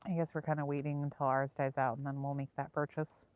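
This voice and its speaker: A woman's voice: a bass voice, little pitch movement, fast talker, a little mellow. A woman hosting a livestream from beside a lake, chatting casually with viewers in an easygoing, rambling way. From Southern California. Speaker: livestream host. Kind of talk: casual chat with live viewers. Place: outdoors by a lake.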